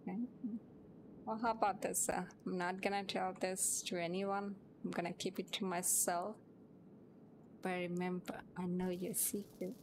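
A woman's voice: fairly low pitch, level tone, moderate pace, background noise. Polite, teasing woman playing a shopkeeper. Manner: polite yet teasing, calls others sir. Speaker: shop worker in a roleplay game. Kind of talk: casual in-character roleplay chat.

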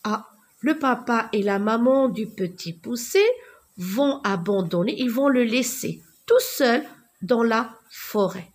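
A woman teaching young children to read, slowly repeating words and sounding out letters. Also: a little high, animated. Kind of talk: reading lesson for young children.

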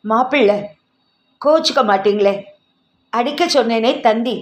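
A woman reading the lines of a frail, dying old father who speaks in halting, broken phrases. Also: fairly high pitch, roomy sound, lightly acted. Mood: pleading.

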